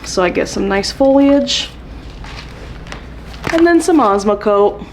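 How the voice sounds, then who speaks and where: A woman's voice: medium pitch, animated, slow pace, background noise. Chatty upbeat woman plant vlogger. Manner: chatty, upbeat, laughs often. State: hiccuping. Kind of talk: casual chat to camera.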